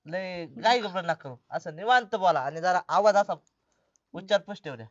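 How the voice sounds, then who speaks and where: Village helper cheering her on, bit high voice, lo-fi. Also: a little fast, fairly bright tone, dry recording. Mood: coaching. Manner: reassuring, coaching. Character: encouraging village helper man.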